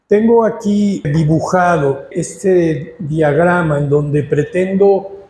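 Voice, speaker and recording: A man with a Mexican Spanish accent, preaching a sermon as a pastor, praying and teaching in an unhurried way with pauses. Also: a little high, a little mellow, reverberant, a little hiss or hum.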